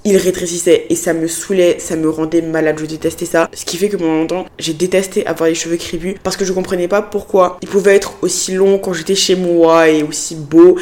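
A woman's voice: on the low side, fairly even intonation, brisk, hardly any pauses, darkish tone. A young woman hosting a solo podcast, talking candidly and personally, and slipping English phrases into her French. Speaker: podcast host.

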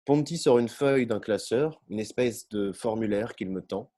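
A man reading a first-person novel aloud as narrator, in a measured, unhurried way. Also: fairly low pitch, dark tone.

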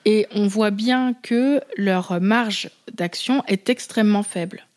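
A woman's voice: mid-range voice, a little mellow. French-speaking woman explaining her views. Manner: measured, explanatory, with frequent hesitations. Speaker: guest, business founder. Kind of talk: casual conversational interview.

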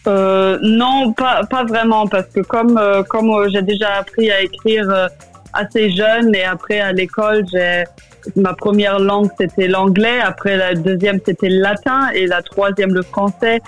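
A woman's voice: medium pitch, fairly even intonation, a little slow. Young woman, German accent, hesitant, repeats words, faint music behind. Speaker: interview guest. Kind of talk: casual radio interview.

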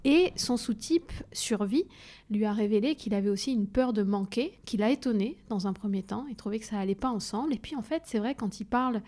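A woman's voice: medium pitch, fairly quick, warm tone. A woman hosting a podcast interview, recapping earlier points and prompting her guest with questions. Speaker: podcast host.

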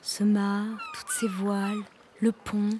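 An actress playing an affectionate, dreamy partner who speaks gently and wistfully. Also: female voice, mid-range voice, wildly swooping pitch, takes it slowly, a little hiss or hum. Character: affectionate, dreamy wife or girlfriend. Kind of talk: dramatic dialogue. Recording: music behind.

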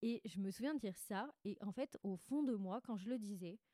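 A woman's voice: medium pitch, animated, a little fast, warm tone, dry recording, clean studio sound. Young woman with a stuffy nose. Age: 20s. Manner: candid, rambling, self-interrupting. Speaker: podcast host. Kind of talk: casual confessional monologue, chatty and slangy.

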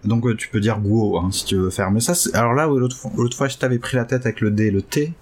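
A man hosting a casual chat who hesitates a lot and jumps up excitedly in pitch now and then. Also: fast. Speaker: podcast host learning Chinese.

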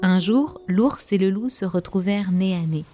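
A woman narrating a children's story in a gentle, expressive scripted reading. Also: mid-range voice, normal speed, a little hiss or hum.

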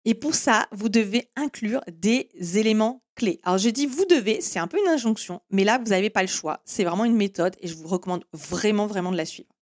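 A woman's voice: mid-range voice, a little fast, hardly any pauses. A woman hosting a solo marketing podcast, explaining step by step in a direct way and giving listeners firm instructions. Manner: direct, explanatory, with frequent "en fait" and "eh bien".

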